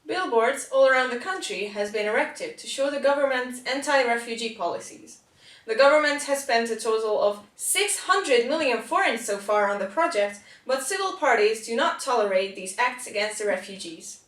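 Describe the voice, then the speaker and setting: A woman's voice: fairly high pitch, lively intonation, moderate pace, fairly bright tone. A woman playing an earnest parody news anchor, reading mock news in a formal delivery. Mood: formal, serious. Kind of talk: scripted mock news report. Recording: roomy, echoing amateur recording.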